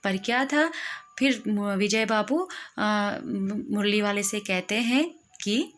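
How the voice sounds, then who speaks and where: A woman's voice: mid-range voice, takes it slowly, a bit bright. A young woman teacher reading a story lesson aloud and explaining it, with frequent restarts. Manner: reads aloud then paraphrases, with frequent restarts.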